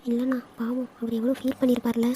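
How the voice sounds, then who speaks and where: Lady doing teasing young woman in a family cartoon, kinda high, flat tone. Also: fast talker, slight background noise, close to an everyday voice. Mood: soft. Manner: affectionate, teasing. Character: young women and mother of a family. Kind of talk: cartoon dub of a family drama.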